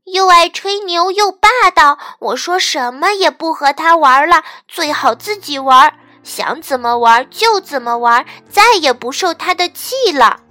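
Woman doing a shrill, hot-tempered little bear girl. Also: lively intonation, takes it slowly, no room sound, faint music behind, heavily acted. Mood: indignant. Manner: shrill and loud when protesting.

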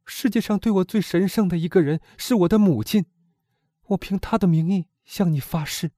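A man's voice: high voice, normal speed, warm tone, dry recording, clean studio sound, close to an everyday voice. A man voicing a young woman in despair who pleads with her beloved, in an anguished, imploring audiobook reading. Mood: earnest.

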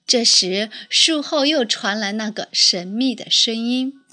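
A woman narrating a children's picture-book story in a lively, expressive way. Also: a little high, measured pace, faint music behind.

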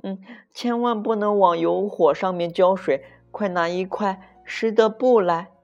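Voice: mid-range voice, sing-song, takes it slowly, muffled recording, soft background music, pitched above the performer's own voice. A storyteller voicing a bossy young girl rabbit who gives prim, commanding orders in the kitchen. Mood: urgent.

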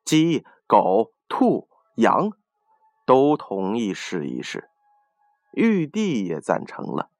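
A man narrating a children's folk tale in an expressive, lively reading. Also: fairly low pitch, slow, vocal fry, no echo, studio quality, faint music behind. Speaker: storyteller. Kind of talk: storybook narration.

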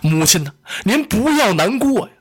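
A male storyteller voicing an anxious young king pleading with his angry mother in a flustered, hurried way. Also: sits high, sing-song, husky, heavily acted.

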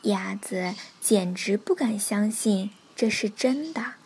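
A woman telling a children's bedtime story in a soft, whispery narrating voice. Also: mid-range voice, takes it slowly, slight background noise.

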